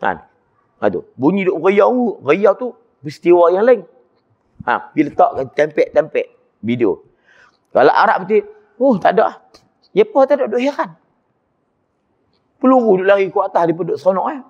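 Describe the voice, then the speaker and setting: A man's voice: moderate pace, long pauses, dull audio. A man with a Kedah Malay accent giving a religious lecture in a mosque, repeating phrases and asking rhetorical questions. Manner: repetitive, rhetorical questions, animated swings in pitch. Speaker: religious teacher.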